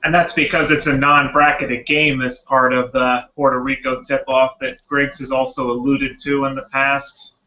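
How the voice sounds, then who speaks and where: A man on a sports roundtable who gives measured, matter-of-fact opinions. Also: medium pitch, level tone, bright, forceful tone, muffled recording. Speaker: panelist.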